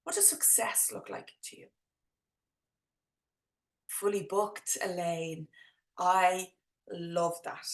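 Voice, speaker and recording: A woman with a thick Dublin accent runs an informal live online workshop as a coach, chatting directly and encouragingly to her viewers. Her voice is medium-pitched and fairly bright, and the sound is roomy.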